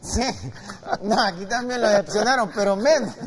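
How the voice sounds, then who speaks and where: A man's voice: high voice, normal speed, slight background noise. A man, chatting as an analyst on a TV talk show, hesitating with many fillers and restarts. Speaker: guest analyst. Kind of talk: casual TV talk show discussion. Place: TV studio.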